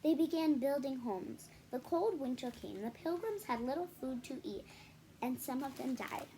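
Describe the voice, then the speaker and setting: A woman's voice: high-pitched, expressive, normal speed, background noise. A woman reading a children's picture book aloud, adding casual explanatory asides for young listeners. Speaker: read-aloud storyteller for children.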